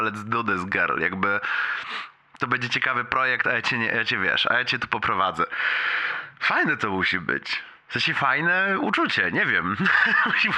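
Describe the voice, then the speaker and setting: A man's voice: fairly low pitch, pushed and bright. A man in his late twenties leaving a casual, rambling, chatty voice message for a friend, self-ironic and given to chuckling, with slang and bits of English. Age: late 20s.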